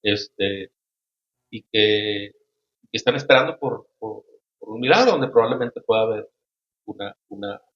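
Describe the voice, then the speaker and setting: A man hosting a casual Bible study discussion, speaking haltingly with many restarts and frequent tag questions. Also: on the low side, animated. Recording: roomy, dull lo-fi sound.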